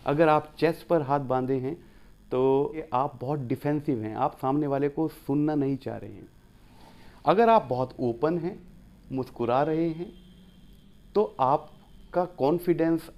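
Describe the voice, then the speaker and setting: A man's voice: fairly high pitch, a little slow, darkish tone. A man teaching a lecture, explaining points one at a time and acting out short example phrases to show how tone changes meaning. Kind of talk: classroom lecture.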